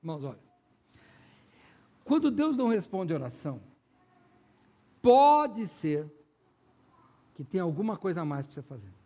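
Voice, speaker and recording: A man's voice: sits high, big pitch swings, normal speed, long pauses, warm tone. A man with a Brazilian Portuguese accent, a pastor preaching a sermon in a conversational way, often speaking straight to the congregation. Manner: conversational preaching, frequent direct address to the congregation.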